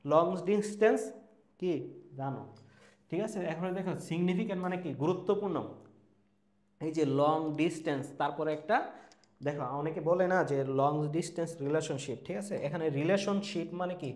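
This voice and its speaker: A man's voice: a little high, normal speed, darkish tone, echoey room. A man teaching an online English class, asking rhetorical questions and checking in with "ঠিক আছে?" after nearly every point. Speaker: English tutor for admission-test students. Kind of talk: online lecture.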